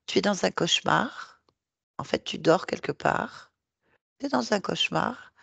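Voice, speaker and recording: A woman hypnotherapist guiding a hypnosis session, coaxing and reassuring with gentle repetition. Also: mid-range voice, animated, unhurried, creaky, breathy edge, no echo.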